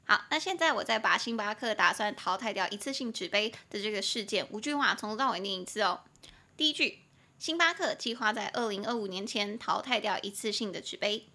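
A young woman with a Taiwanese Mandarin accent hosting a casual podcast English lesson, chatty and animated, spelling words out and breaking into exasperated rants. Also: medium pitch, a little fast. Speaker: podcast host and English teacher.

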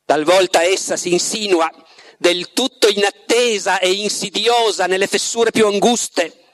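A man reading aloud as Voland, a slow, sly devil. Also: sits high, a bit bright, voice pushed up. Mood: mocking. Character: suave, mocking devil, male, ancient, all-powerful.

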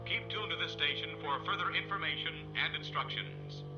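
An actor playing an official male radio announcer giving a grave, formal, measured civil defense broadcast. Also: a little high, lo-fi sound, close to an everyday voice. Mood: grave, instructing. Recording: radio broadcast with loud music behind, band-limited.

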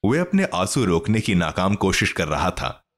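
A man narrating a children's story in an expressive, scripted reading. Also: deep voice, normal speed.

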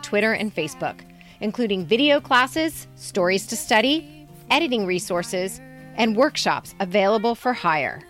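A podcast co-host and editor speaks in a recording studio, offering candid, emphatic, blunt critique in a conversational style. Her voice is mid-range with a fairly bright tone.

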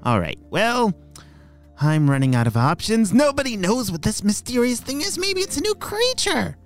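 Man putting on a high little boy frog, eager and breathless, exclaiming, bouncy swooping voice, storybook critter. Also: huge pitch swings, moderate pace, faint music behind, full character voice. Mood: excited. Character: excitable young male spring peeper frog.

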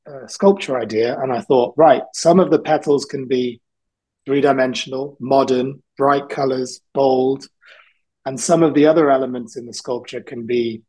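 A man's voice: mid-range voice, steady tone, unhurried, dark tone, husky, poor audio. A man from South Wales, a guest artist in a casual interview, talking thoughtfully and rambling a little, with frequent ums and laughs.

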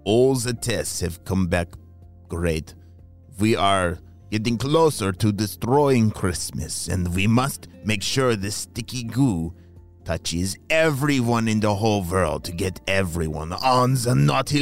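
A man voicing a scheming villain doctor in a very low, menacing growl for a kids' story podcast. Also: lively intonation, slow, faint music behind.

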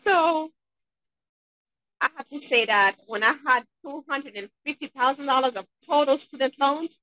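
A woman from Haiti with a Haitian accent, a dentist being interviewed, talking in an upbeat, expressive way. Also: high voice, moderate pace, no echo, muffled recording. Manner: upbeat, expressive, acts out quotes. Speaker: guest dentist. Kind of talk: interview conversation.

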